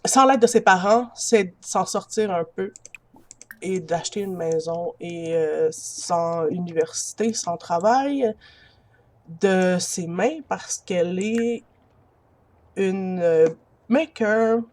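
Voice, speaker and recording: A Quebec French-accented woman chats casually over a video game, laughing easily and talking to her viewers like friends. Her voice sits fairly low and comes out slow and slightly mellow through a built-in computer mic.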